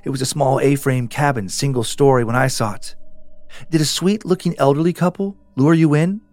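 A man voicing a wary young woman trapped with strangers, asking quiet, thoughtful questions in a whisper. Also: mid-range voice, moderate pace, no room sound, soft background music, natural voice.

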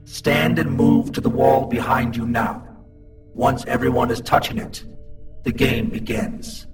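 A man voicing an eerie child monster that runs deadly games, speaking in slow, flat, commanding announcements. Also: mid-range voice, natural voice. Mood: cold, commanding. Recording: distant voice over clear music. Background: music.

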